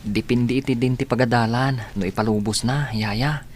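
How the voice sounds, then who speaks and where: An actor playing a gentle, determined, ailing schoolboy and devoted son in a radio drama. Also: male voice, mid-range voice, fairly even intonation, normal speed, close to an everyday voice. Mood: earnest. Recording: faint background ambience and noise.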